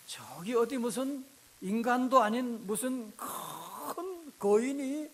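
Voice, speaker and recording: High voiced pastor guy preaching, tells the story big, keeps asking the crowd questions. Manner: lively storytelling with rhetorical questions to the congregation. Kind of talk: sermon.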